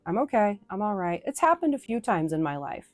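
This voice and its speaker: A woman's voice: medium pitch, sing-song, fairly quick, no room sound. A woman from New England chatting casually with viewers on a live stream, rambling with lots of fillers and restarts.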